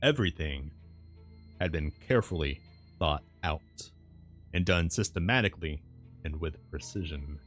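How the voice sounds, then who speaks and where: Deep-voiced man reading a novel aloud. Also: lively intonation, normal speed, long pauses, a bit bright. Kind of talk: audiobook-style narration of a classic novel. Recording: music playing behind the voice. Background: background music.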